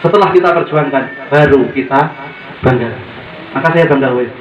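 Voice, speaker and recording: A man's voice: medium pitch, a little fast. A man giving a fervent, repetitive speech to parents from a podium microphone at a school gathering. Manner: fervent, repetitive preaching cadence. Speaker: boarding school leader addressing parents. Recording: roomy, slightly dull audio with faint ambience.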